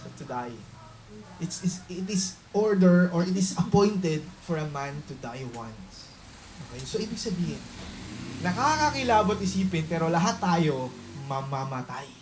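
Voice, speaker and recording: A woman's voice: on the low side, expressive, a little slow, a little mellow, slight background noise, poor audio. A woman preaching a sermon in mixed Tagalog and English. She speaks emphatically and keeps asking the congregation to agree. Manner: emphatic, often asks the audience to confirm. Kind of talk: Taglish sermon.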